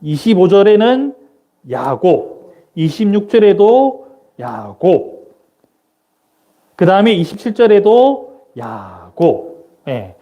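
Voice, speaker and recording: A man's voice: sits high, very animated, slow pace, long pauses, highs cut off. A man preaching a Sunday sermon as a missionary at a church service on a microphone. He keeps asking the congregation questions and then answers them himself. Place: church sanctuary during a service.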